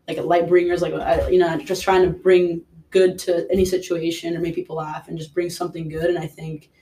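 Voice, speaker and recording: His voice is a little high and darkish in tone as this young man from Mexico, who works as a personal trainer, chats casually as a podcast guest. He meanders from thought to thought, heavy on fillers and especially "like." Audio quality is poor.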